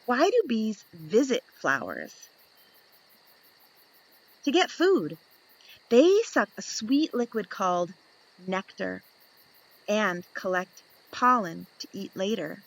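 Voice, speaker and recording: Page by page, a woman works slowly through a picture book for children, her voice animated and swooping. She keeps the story playful and constantly questions her young audience. Her pitch is medium, her voice creaky, and she pauses often on a low-quality recording.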